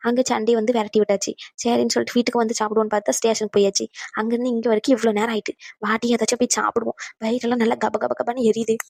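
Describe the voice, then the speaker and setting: A woman's voice: a little high, flat delivery, very fast, gravelly, darkish tone, no room sound. A woman voicing a scheming, complaining older mother in a cartoon, grumbling and wheedling. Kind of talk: cartoon voice acting.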